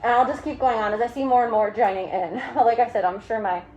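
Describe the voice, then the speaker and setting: A woman's voice: fairly high pitch, steady tone, quick pace, darkish tone, highs cut off. A woman hosting a casual live video chat through a mask and face shield, rambling along with jokey asides. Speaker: livestream host.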